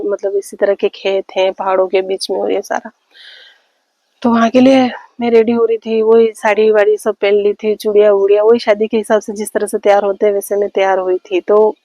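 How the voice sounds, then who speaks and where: A woman tells a personal story slowly and haltingly, with many fillers and restarts. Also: mid-range voice, a little mellow, dry recording. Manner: slow, hesitant retelling with many fillers and restarts. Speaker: vlogger. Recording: slightly dull lo-fi audio with faint noise.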